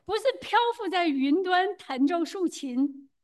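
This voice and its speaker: A woman interpreting a sermon phrase by phrase, quick and hesitant, with fillers and self-corrections. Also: extremely high pitch, a little mellow.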